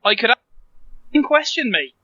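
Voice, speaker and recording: A man's voice: very high-pitched, big pitch swings, moderate pace, pushed and bright, no echo. A man playing a tabletop roleplaying game, bantering casually in character, on a dull lo-fi recording.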